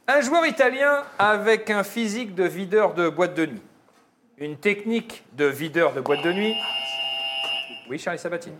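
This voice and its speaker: A man's voice: sits high, expressive, noisy background. A man hosting a casual quiz game, reading clues and teasing the players. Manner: playful, reads clues slowly and teases. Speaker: quiz host. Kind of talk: casual quiz show banter.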